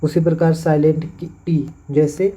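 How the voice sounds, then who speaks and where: A man's voice: fairly high pitch, flat delivery, normal speed, dark tone. A man with a Hindi accent teaching English pronunciation, spelling words letter by letter and then saying them. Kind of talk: pronunciation lesson. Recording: dull lo-fi sound.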